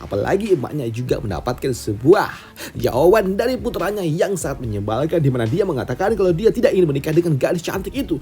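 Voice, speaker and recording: Brief: Indonesian man recapping a comic, casual and slangy, animated pitch, music faint behind. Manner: chatty, slangy, asks viewers for likes. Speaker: manhua recap narrator.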